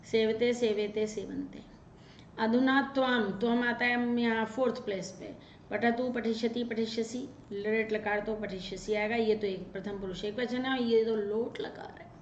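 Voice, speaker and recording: Brisk woman drilling grammar in a roomy space. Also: a little high, fairly even intonation. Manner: brisk and drilling, reciting verb forms. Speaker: Sanskrit teacher. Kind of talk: grammar lesson to students. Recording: roomy, dull lo-fi sound with faint noise.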